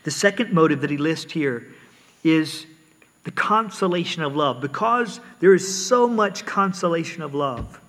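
A man's voice: a little high, expressive, measured pace, fairly bright tone, in a large hall. A man preaching a sermon earnestly, often repeating words as he explains.

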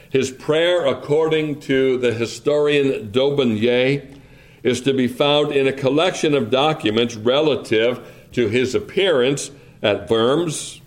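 A man preaching a sermon, reading scripture aloud and then explaining it in a measured, reflective way with rhetorical asides to the congregation. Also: mid-range voice.

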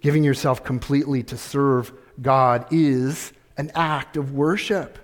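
A middle-aged man preaching a sermon, measured and deliberate, repeating key phrases and asking rhetorical questions. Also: medium pitch, steady tone. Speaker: pastor.

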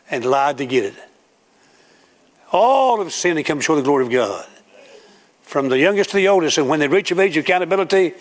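Folksy preacher. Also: male voice, a little high. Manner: folksy storytelling, acting out everyday scenes. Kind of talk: sermon. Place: church room with a congregation.

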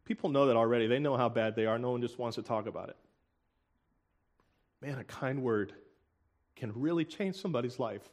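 A young man preaching a sermon, earnest and emotional, with halting restarts and soft laughs. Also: mid-range voice.

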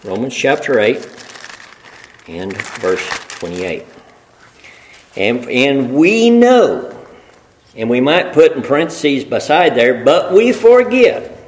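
A man's voice: mid-range voice, expressive, slow, pauses often, poor audio. A man preaching a sermon in a folksy, emphatic way, building rhetorical lists and repeating phrases for weight.

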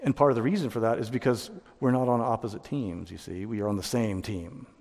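A man preaching a sermon as pastor, speaking emphatically and climbing to loud peaks. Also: lowish voice, fairly quick, vocal fry, long reverb tail. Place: church sanctuary.

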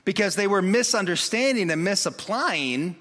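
Animated male preacher in a reverberant hall. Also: high-pitched, normal speed. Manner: animated preaching, acting out voices of friends and crowds. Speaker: pastor. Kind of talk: sermon.

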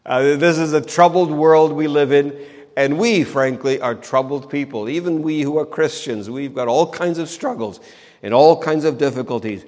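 A man's voice: on the high side, a little mellow. Man preaching in a reverberant hall. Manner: earnest, repeats words for emphasis, slows on key phrases. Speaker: pastor. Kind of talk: sermon.

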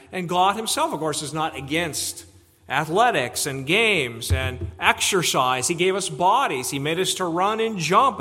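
A man's voice: high-pitched, sharp tone, big-room sound. A man preaching an evening sermon, earnest and emphatic, repeating key phrases for weight. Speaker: pastor.

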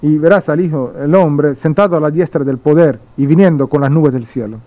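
Dark-voiced man preaching a sermon. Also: fairly high pitch, a little fast, rough recording. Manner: reads verses aloud, then explains them with repeated emphasis; slips and restarts at times. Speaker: pastor. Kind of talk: midweek sermon with Bible reading.

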